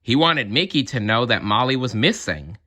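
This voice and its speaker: Narrating with expression, a male storybook reader shares a children's tale aloud. He speaks at normal speed with a medium-pitched voice.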